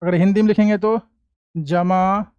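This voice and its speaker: A man teaching a lesson, slowly repeating each word and answering his own questions, recorded close in a quiet room. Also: sits high, fairly even intonation, clear, resonant tone, no echo, highs cut off. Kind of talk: classroom-style lesson with call and response.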